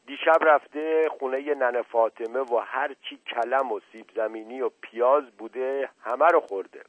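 A man doing a soft-hearted worried villager. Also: medium pitch, no room sound, voice pushed up, close to an everyday voice. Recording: tinny phone-like dry recording.

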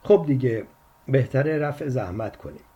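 A man's voice: mid-range voice, lively intonation, warm tone, muffled recording, lightly acted. A man doing a flustered grown man. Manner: hurried, flustered.

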